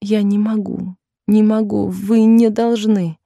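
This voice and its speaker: A woman's voice: medium pitch, steady tone, unhurried, dark tone, dry recording, clean studio sound. A woman voicing a timid young working-class maid who pleads and refuses in a raised, tearful voice. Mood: pleading.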